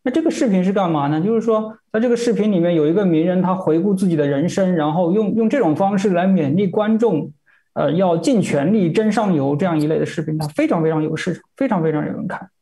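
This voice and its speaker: A man's voice: high-pitched, fast, warm tone. A man interpreting a sermon phrase by phrase, hesitant, with many fillers and repeated words.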